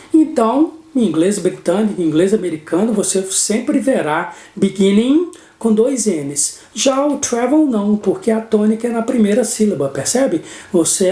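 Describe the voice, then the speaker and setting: A man's voice: sits high, dark tone. A man with a Brazilian Portuguese accent teaching an English grammar lesson, explaining patiently and often checking in with his students. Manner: explanatory, keeps checking in with "não é?". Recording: roomy echo.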